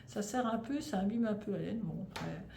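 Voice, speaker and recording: A woman's voice: medium pitch, fairly quick, creaky, mellow. A French woman in her thirties chatting casually about knitting, rambling and stumbling over her words with lots of fillers and restarts. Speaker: knitting vlogger. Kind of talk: casual chat. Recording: echoey room, faint background noise.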